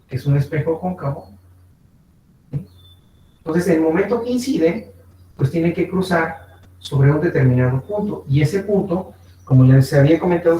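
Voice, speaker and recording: A man with a Mexican Spanish accent teaches a physics lesson in a slightly high voice, pausing to check that his students follow. He sounds far from the mic in an echoey room, with faint noise behind him. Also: a little mellow. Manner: slow, repetitive explaining with frequent fillers and check-ins. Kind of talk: online class lecture.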